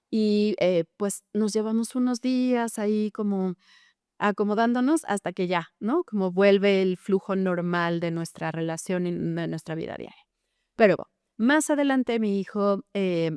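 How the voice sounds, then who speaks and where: Middle-aged woman, earnest guest therapist; smooth voice, dry close sound. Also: medium pitch, a little mellow, dry recording. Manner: earnest, recounting personal story with many tag questions. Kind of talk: interview.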